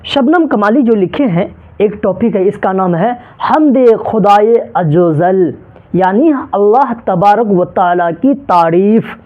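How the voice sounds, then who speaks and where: A woman's voice: mid-range voice, lively intonation, takes it slowly. A woman teacher giving an exam-prep lecture, repeatedly asking and answering her own questions. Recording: dull lo-fi recording.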